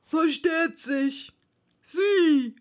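Lady doing a pompous dodo bird, all ceremony, high and slow. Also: lively intonation, full character voice. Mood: solemn. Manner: formal, ceremonious speech.

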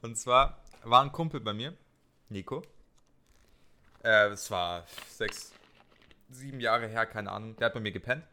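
Bright-voiced young man telling a story. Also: lowish voice, unhurried, long pauses, clean tone. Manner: animated storyteller, acts out quotes in raised voice. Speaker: podcast co-host. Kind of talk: casual chat.

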